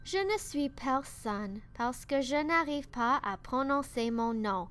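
A woman's voice: sits high, expressive, slow, a little hiss or hum, full character voice. A woman doing a clumsy young pterodactyl. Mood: earnest. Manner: straining, shouting garbled syllables.

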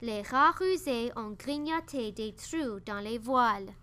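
A woman voicing a worried male first mate on a ship in a storybook reading, speaking loudly in dismay. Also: on the high side, expressive, slow, heavily acted. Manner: loud, dismayed.

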